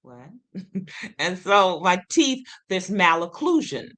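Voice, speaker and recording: A woman's voice: medium pitch, slow pace. A woman in her sixties with a lateral lisp, an occupational therapist and singer telling stories in a casual interview, with lots of ums. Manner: animated storyteller with many ums, acts out quotes.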